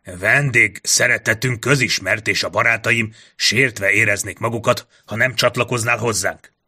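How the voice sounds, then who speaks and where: A man voicing a gruff, blunt old male warrior who speaks bitterly. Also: on the low side, fairly even intonation, bright, forceful tone, heavily acted.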